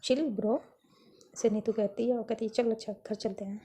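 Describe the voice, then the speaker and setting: A woman's voice: fairly high pitch, fairly even intonation, normal speed, dark tone, breathy edge. A woman telling a school romance story in a casual spoken way, retelling each character's lines with "so she says" and frequent restarts.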